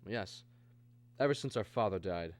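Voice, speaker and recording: A man with a fairly low, expressive, natural voice speaks at a normal pace, sounding casual and puzzled. He's an actor portraying an earnest American math teacher, husband and father who has been abducted, narrating his own story in the style of a 1950s radio drama.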